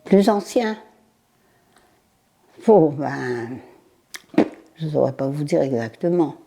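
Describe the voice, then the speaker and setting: Interviewee, woman in her nineties, low, mellow voice, halting, unhurried recollection. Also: lively intonation, gravelly, husky. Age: 90s. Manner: halting, with pauses, fillers and repeated words. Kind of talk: recalling her childhood in an interview.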